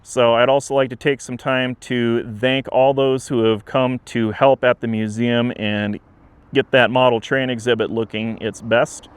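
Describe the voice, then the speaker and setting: A man with a smooth, resonant voice at an average pitch gives an informal update to camera. He is plain-spoken and measured. The sound is dry and open, recorded outdoors with some traffic. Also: flat delivery, no echo. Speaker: interim museum director. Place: outdoors beside a trail, with traffic and wind. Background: traffic and wind.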